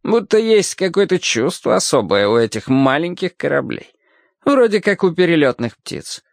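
A man's voice: fairly high pitch, big pitch swings, gravelly, no echo, studio quality, pitched above the performer's own voice. A man voicing a kindly, wry old male cobbler in a storybook reading, with a quavering, folksy, teasing way of talking. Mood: storytelling. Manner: folksy, teasing, slow and sly. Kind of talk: audiobook character voice.

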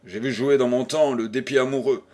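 A man's voice: medium pitch, steady tone, a little fast, dark tone, close to an everyday voice. A man voicing an elderly aristocratic dowager who teases and fusses over a young widow, in a storybook reading. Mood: dismayed. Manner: mock-scolding, playful, exclamatory.

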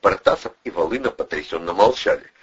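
A man narrating an audiobook in a wry, expressive storytelling manner. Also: low-pitched, brisk, breathy edge, lo-fi sound.

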